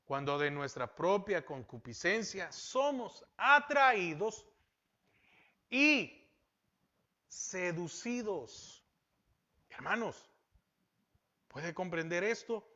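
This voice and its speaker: A man's voice: high-pitched, sing-song, drawn-out words, pauses often, sharp tone. A male pastor teaching a Bible sermon, asking rhetorical questions and repeating key phrases. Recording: dull lo-fi sound.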